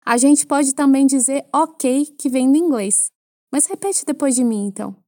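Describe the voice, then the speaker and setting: A Brazilian woman teaching French to Portuguese speakers, explaining clearly and patiently with playful asides. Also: sits high, normal speed, warm tone, dry recording, studio quality. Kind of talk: language lesson for Portuguese speakers.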